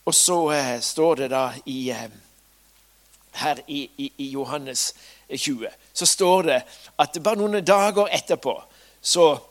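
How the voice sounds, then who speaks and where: A man preaching a sermon, retelling stories dramatically, swinging from loud cries to soft asides. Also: a little high.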